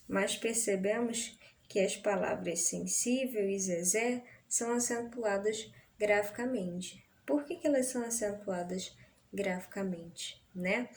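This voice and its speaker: A woman with a Brazilian accent teaches a grammar lesson at a slow, deliberate pace. She keeps a patient manner and checks in with her listeners after almost every phrase. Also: mid-range voice, darkish tone. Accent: Brazilian Portuguese. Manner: slow and patient, with frequent tag questions.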